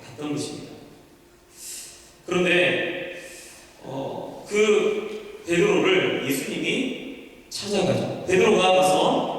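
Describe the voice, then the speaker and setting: A man in the pulpit, preaching in a somewhat high voice while he tells a family story, with repeated words and unfinished phrases. The voice is picked up from a distance and rings out in a big, echoing church hall with a long tail of reverb. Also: a bit bright. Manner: anecdotal, repeats words and trails off. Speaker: pastor. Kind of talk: storytelling sermon. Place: church sanctuary. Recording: echoey church hall, mic from far off.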